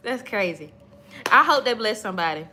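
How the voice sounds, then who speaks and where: She speaks briskly and animatedly, her medium-pitched voice pushed and bright. A livestream host in her thirties, she gives a repetitive, emphatic, preachy talk on faith and motivation, interacting with viewers.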